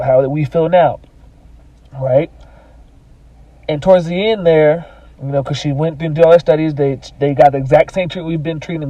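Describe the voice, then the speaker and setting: A man co-hosting a podcast from home, talking in a restrained, measured and low-key way while holding back anger. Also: warm tone, dry recording, far from the mic, dull audio. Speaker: podcast co-host. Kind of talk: casual podcast talk. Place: home at night.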